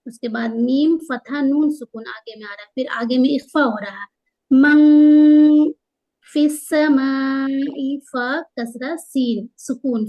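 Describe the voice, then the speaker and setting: A woman teaching Quran tajweed, patiently explaining the rules and slowing down to stretch out each recited word. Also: on the high side, darkish tone, low-quality recording. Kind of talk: tajweed lesson, spelling out letters and drawing out recited words.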